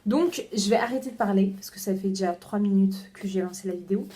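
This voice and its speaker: Young woman, book vlogger, relaxed mellow tone, chatty, hesitant, talking to a front camera. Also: medium pitch, brisk. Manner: chatty, many hesitations and repeated words. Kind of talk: casual unboxing chat. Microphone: front-facing camera.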